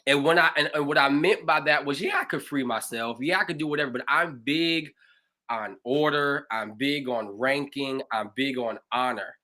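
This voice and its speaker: A man, a pastor hosting a livestreamed conversation, telling his own stories in an animated, expressive way. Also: medium pitch, moderate pace. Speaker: pastor and show host.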